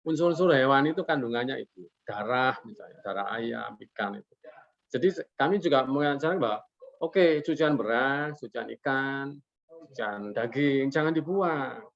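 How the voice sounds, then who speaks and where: Gravelly man explaining on a lo-fi call. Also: medium pitch, animated, moderate pace. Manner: folksy, ends nearly every phrase with a polite "Pak"; poses rhetorical questions and answers them himself. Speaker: guest expert in a webinar. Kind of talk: casual explanatory talk over a webinar call. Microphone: video call. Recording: lo-fi online call audio.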